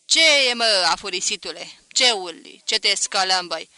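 A woman voicing a flustered village mother who scolds her son in loud exclamations in a storybook reading. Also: on the high side, lively intonation, clean tone, no echo. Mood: scolding.

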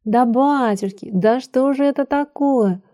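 A kindly old cook in a storybook, fussing and exclaiming with a lifted, mellow voice, as a woman narrator puts her on. She sounds good-natured and homely. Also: a little high, a little slow, close to an everyday voice.

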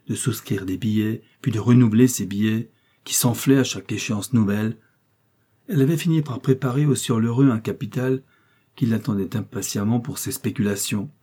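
Husky, mellow male audiobook narrator. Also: fairly low pitch, moderate pace. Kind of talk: scripted literary narration.

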